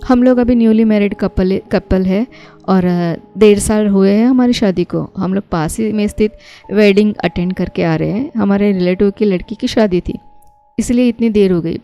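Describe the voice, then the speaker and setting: A woman voicing a cheerful, teasing young housewife who writes stories, in a mellow tone. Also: mid-range voice, normal speed, highs cut off, faint music behind, natural voice. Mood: playful. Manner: playful, teasing.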